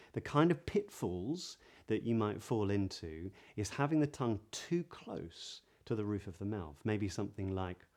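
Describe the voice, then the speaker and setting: A man with a modern standard Southern British accent, teaching pronunciation in a measured, explanatory way with careful articulation. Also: lowish voice, darkish tone. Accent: modern standard Southern British English. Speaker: voice coach giving a pronunciation lesson. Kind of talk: instructional lesson to camera.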